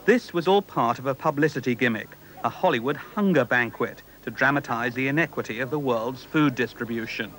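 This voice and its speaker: A male reporter with a mid-range voice, delivering a scripted TV segment. His tone is measured with a light ironic edge. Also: mid-range voice, fairly bright tone.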